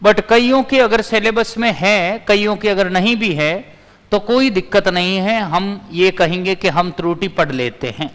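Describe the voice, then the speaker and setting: A man with a high, clear and smooth voice teaches physics in a live online class. He repeats his points and answers viewers' comments as he goes. His voice rings with a long reverb. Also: unhurried, a bit bright.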